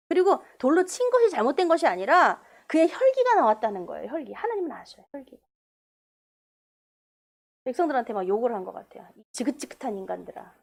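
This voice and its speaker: Woman pastor, high and very expressive, preaching in a church, loud bursts and hushed asides. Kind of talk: sermon. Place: church sanctuary.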